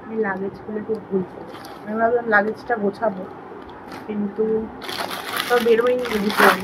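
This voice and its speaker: A woman's voice: mid-range voice, steady tone, normal speed, heavy background noise. A young woman chatting casually through a daily home vlog, now and then cooing at her pets in baby talk. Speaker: vlogger. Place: home bedroom.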